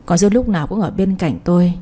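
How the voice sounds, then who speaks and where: A woman reading a late-night romance story in the first person, soft and emotional. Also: lowish voice, fast, slightly rough. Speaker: audiobook storyteller.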